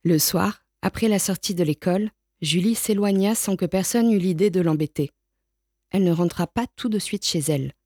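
A woman reading a storybook aloud in a calm, measured, unhurried way. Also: on the low side, dry recording, clean studio sound.

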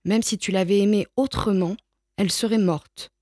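Wise, gentle graveyard cat, as a woman reads him. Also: mid-range voice, steady tone, normal speed, dry recording, clean studio sound, close to an everyday voice. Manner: soft, patient and reassuring.

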